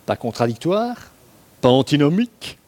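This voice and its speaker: A man's voice: a little high, very animated, moderate pace, a little mellow. A man preaching a sermon on a Bible passage, talking in a conversational way with asides and rhetorical questions to his listeners.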